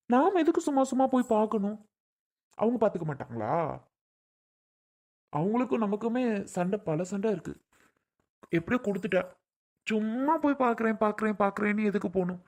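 Guy acting as a grumpy stubborn husband, dark mellow voice, keeps complaining. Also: high-pitched. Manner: argumentative, complaining. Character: stubborn resentful young husband. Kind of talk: family drama skit.

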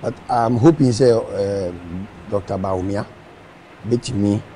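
A man's voice: fairly low pitch, unhurried, dark tone, slight background noise. A man speaking casually about politics, hesitant and often repeating his words.

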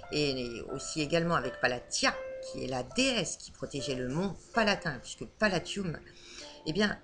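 A woman's voice: deep voice, a bit bright. A woman teaching a lesson on Old French, explaining patiently with frequent hesitations.

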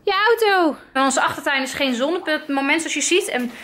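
Very high-voiced young mother vlogging. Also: animated, brisk, a bit bright, slight background noise. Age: 20s. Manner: coaxing, sing-song talk to a toddler, laughing often. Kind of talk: casual family vlog. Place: at home and outdoors on the street.

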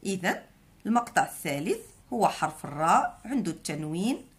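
A woman's voice: lowish voice, sing-song. A woman with a Moroccan Arabic accent guides learners through a lesson. Her voice rises and falls freely as she stretches sounds out and repeats each word with patience. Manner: patient, spells out sounds slowly and repeats words. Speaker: Arabic teacher. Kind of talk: explaining a lesson.

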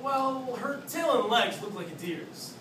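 A performer tells a scripted story in readers theatre with a projected, emphatic stage delivery, using a medium-pitched voice with lively intonation and a measured pace. It was recorded indoors in a classroom by a distant camera, so the sound is echoey with faint noise.

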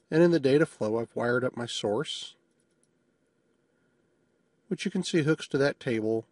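In this screencast tutorial, a man explains a software demo calmly and plainly, now and then adding a light joke. His voice sits mid-range with a touch of huskiness. The close, dry recording carries no room sound or echo.

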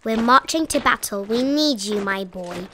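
A woman's voice: fairly high pitch, moderate pace, natural voice. A woman reading a storybook, voicing a pompous male army general who bellows and barks orders. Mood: commanding. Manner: barking orders, blustering. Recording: steady background noise.

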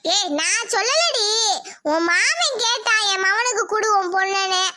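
A woman voicing a nagging, stubborn old village grandmother in a cartoon, speaking a with a shrill voice. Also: animated, moderate pace, noisy background. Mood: grumbling.

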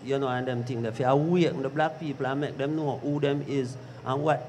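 A Jamaican man presenting in a live radio discussion, urging his point with halting restarts. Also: medium pitch, fairly even intonation, darkish tone, a little hiss or hum.

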